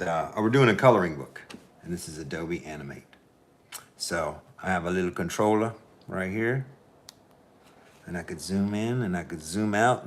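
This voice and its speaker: A man chatting casually on a livestream as he draws, rambling and thinking aloud, now and then dropping in amateur French phrases. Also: lowish voice. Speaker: artist streaming a drawing session. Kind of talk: casual livestream chat while drawing.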